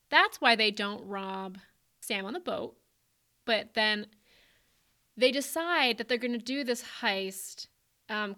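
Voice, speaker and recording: Bright-voiced chatty woman podcaster. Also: medium pitch. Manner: chatty, animated retelling with frequent fillers. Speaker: podcast co-host. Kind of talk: casual book chat.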